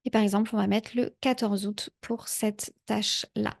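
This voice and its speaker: Chatty woman with vocal fry. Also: medium pitch, fairly even intonation, moderate pace, a little mellow. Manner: chatty, many "heu" fillers, speaks directly to viewer. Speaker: productivity tutorial creator. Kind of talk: casual screen-share tutorial.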